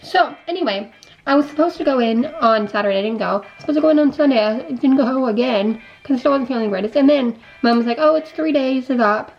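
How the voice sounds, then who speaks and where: Quick and somewhat high, with a creaky edge, a young woman vlogs a rambling life update while putting on makeup, doubling back and starting her thoughts again. She sounds ill, with a sore throat and a slightly congested, nasal voice. The sound is lo-fi, and faint music plays behind her.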